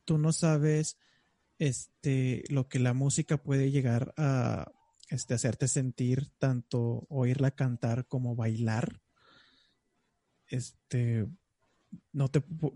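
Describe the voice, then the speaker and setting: A young man with a Mexican accent, co-hosting a casual chat, telling stories in a lively way with playful voices. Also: mid-range voice, no echo. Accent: Mexican Spanish. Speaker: co-host.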